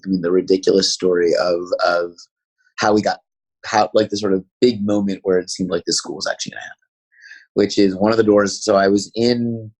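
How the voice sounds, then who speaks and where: Man, 40s, New York accent, husky low voice, quick animated storyteller. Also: low-quality recording. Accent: New York City. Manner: fast-talking, animated storyteller. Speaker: school founder and principal. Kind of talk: podcast interview storytelling.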